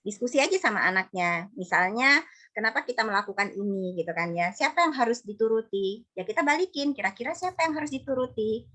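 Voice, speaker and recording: A woman's voice: on the high side, expressive, quick pace, bright, forceful tone. Indonesian woman psychologist, chatty parenting advice. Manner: conversational, acts out mother-child dialogue. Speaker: psychologist speaker. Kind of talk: parenting talk in an online study session.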